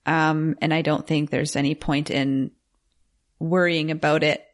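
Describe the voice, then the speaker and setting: A woman's voice: sits low, little pitch movement, unhurried. A woman co-hosting a yoga podcast, describing postures in a chatty casual way, full of "like". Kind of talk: casual teaching chat.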